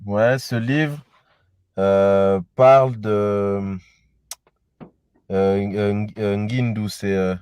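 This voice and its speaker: A man's voice: lowish voice, fairly even intonation, drawn-out words, pauses often, a little mellow, clean tone, no echo. A man taking part as a student in a language lesson, guessing meanings hesitantly with many fillers.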